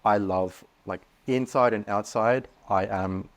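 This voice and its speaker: A young man speaking as a podcast guest, earnest and animated, often restarting his sentences. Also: lowish voice, takes it slowly. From Australia. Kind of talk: casual podcast interview.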